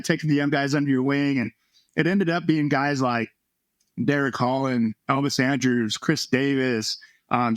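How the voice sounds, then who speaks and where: Guy in his thirties spilling his story, kinda high voice, dry close mic, gets animated doing other people's lines. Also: no echo. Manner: earnest, confessional, animated when quoting others. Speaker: guest, former baseball pitcher. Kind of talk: candid personal storytelling.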